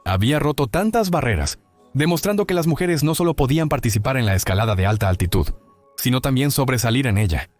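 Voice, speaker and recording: A man's voice: mid-range voice, animated, quick pace, a little mellow, faint music behind. Dramatic male documentary narrator. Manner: dramatic, storytelling delivery.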